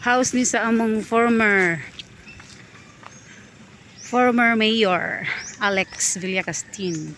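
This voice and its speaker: Cebuano-accented woman vlogging on a walk, short of breath, slow and chatty, exclaiming at what she passes. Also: fairly high pitch, fairly bright tone, slight background noise. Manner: chatty, exclaims at sights along the way. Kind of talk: casual walking vlog. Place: outdoors on a hillside path.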